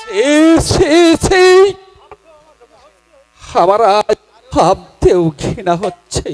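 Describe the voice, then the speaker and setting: A man's voice: very high voice, expressive, a little slow, a bit bright, soft background music, heavily acted. A man playing a proud, outraged king in hammy, declamatory folk theatre style, with dramatic repetitions. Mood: anguished, furious. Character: outraged proud king, father of a wayward princess. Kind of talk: Bengali jatra folk theatre acting.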